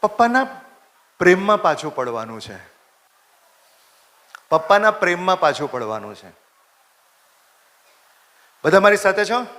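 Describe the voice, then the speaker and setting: A man's voice: high voice, very animated, measured pace, long pauses, pushed and bright. A man, a priest, preaching a sermon, repeating phrases for emphasis and putting questions to the congregation.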